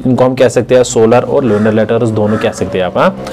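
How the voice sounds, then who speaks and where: A man teaching an Arabic lesson, explaining step by step and repeating words and letters slowly for his students. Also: mid-range voice, steady tone, a little mellow, a little hiss or hum. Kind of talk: classroom lecture.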